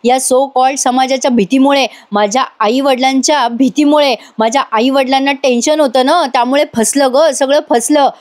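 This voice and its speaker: A woman voicing an angry, defiant young woman who speaks in sharp, scolding lines. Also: sits high, steady tone, moderate pace, hardly any pauses, dry recording, lightly acted.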